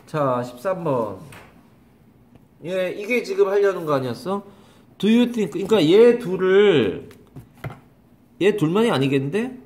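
A man's voice: high-pitched, lively intonation, measured pace, pauses often, darkish tone. A man teaching an English grammar lesson to a class, calling on students by name, repeating questions and scolding them. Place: small classroom.

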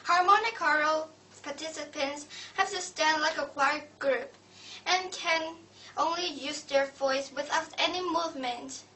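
A high, bright female voice makes scripted announcements as a presenter. She sounds a little far from the microphone. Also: measured pace. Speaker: assembly presenter. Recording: slightly distant microphone.

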